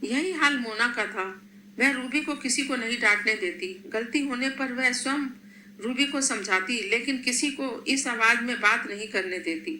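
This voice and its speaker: A woman narrating a scripted family story in a steady, expressive reading voice, in an echoey room. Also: fairly high pitch, normal speed. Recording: echoey room, faint noise.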